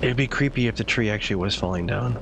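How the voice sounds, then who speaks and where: A man's voice: lowish voice, fast talker. A man in his thirties giving casual, nervous live commentary as a horror game streamer, swearing freely. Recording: clear game ambience noise behind voice.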